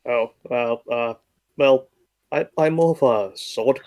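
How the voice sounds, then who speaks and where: A man chats casually as a player in a tabletop game. His mid-pitched voice is gravelly and unhurried, with hesitant hums and long pauses. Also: darkish tone. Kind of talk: casual in-character game chat.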